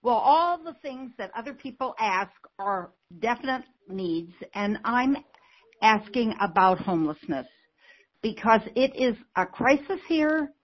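Woman caller, slow hesitant speech, plain call-in talk, muffled phone line. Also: on the high side, animated. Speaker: caller, homeless outreach volunteer. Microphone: telephone. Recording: dull, lo-fi telephone line.

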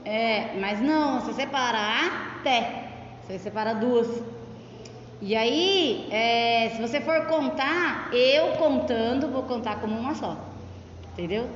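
A woman teacher with a Brazilian Portuguese accent walks her students through an exercise patiently, one step at a time. Her voice sits somewhat high. It rings around an echoey classroom with a long tail of reverb, over a faint hiss. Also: animated, measured pace. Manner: patient, explains step by step with frequent tag questions. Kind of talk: classroom explanation. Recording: echoey, dull lo-fi room recording.

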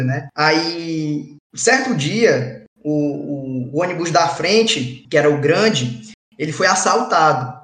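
Quick high-voiced man, roomy sound. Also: a bit bright. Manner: quick, rambling, friendly. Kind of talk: casual chat. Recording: roomy echo.

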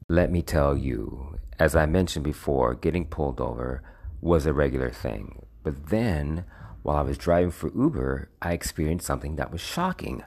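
A man from the United States hosting a podcast, telling a personal story in a measured, reflective way with a wry edge. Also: extremely low pitch, expressive, vocal fry, darkish tone. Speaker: podcast host. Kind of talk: scripted personal monologue.

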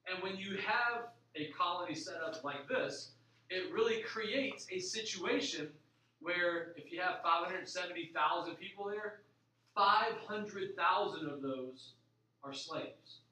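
A man with a high, bright voice gives an informal history lecture. He is picked up from a distance in a heavily reverberant room. He leans on key phrases by repeating them. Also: unhurried. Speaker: history teacher. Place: echoey room. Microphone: distant microphone. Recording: very echoey, distant mic, faint noise.

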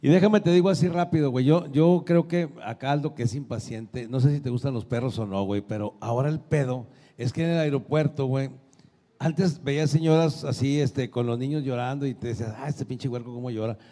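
A man's voice: medium pitch, brisk, mellow, long reverb tail. A man, a guest comedian telling crude stories in casual banter. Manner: crude storytelling, lots of slang.

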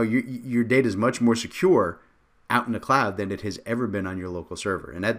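A man co-hosting a podcast in casual discussion, lively and joking, often tagging his points with questions. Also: on the low side. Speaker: podcast co-host.

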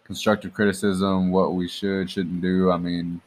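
A man's voice: low-pitched, little pitch movement, unhurried, slight background noise. A young man co-hosting a casual podcast, laid-back and teasing. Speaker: podcast co-host.

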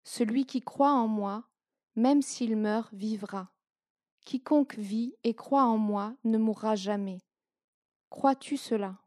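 A woman voicing a grave, calm male teacher of faith in a slow, solemn reading. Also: on the high side, no room sound, studio quality.

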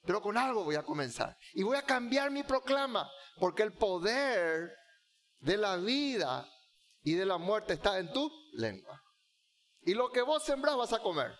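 High-voiced fervent preaching pastor. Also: male voice, sing-song, a little slow, a bit bright. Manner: fervent preaching, repeats key phrases, has the congregation repeat lines. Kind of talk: sermon.

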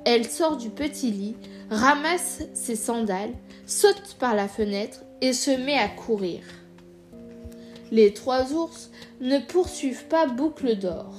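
A woman reading a children's storybook aloud in a clear, expressive way. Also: on the high side, slow, soft background music.

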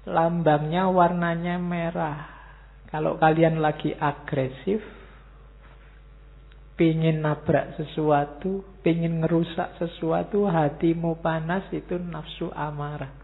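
A man, teaching a philosophy study session in a relaxed, joking way. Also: a little high, takes it slowly, creaky. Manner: relaxed, joking, speaks to the class as "kalian". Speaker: religious teacher. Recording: tinny phone-like sound.

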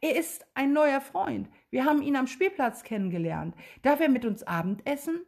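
A woman voicing a cheerful, caring young boy in a children's story, quick and friendly, with a breathy voice. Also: high-pitched, animated, darkish tone, voice pushed up, exaggerated voice.

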